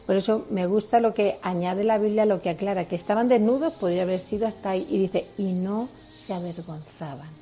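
A woman with a Spain Spanish accent delivers a sermon on marriage. Her voice is warm and mellow, and she explains earnestly, stopping to ask her listeners rhetorical questions. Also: mid-range voice, a little fast, few pauses. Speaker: preacher.

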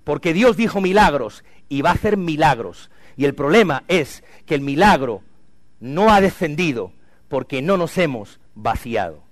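A pastor delivers a fiery sermon in a fairly high voice. He swings between ringing cries and near-whispered lines. The sound is close and dry, with no room echo. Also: lively intonation, moderate pace. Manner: impassioned preaching, swinging from loud cries to hushed lines.

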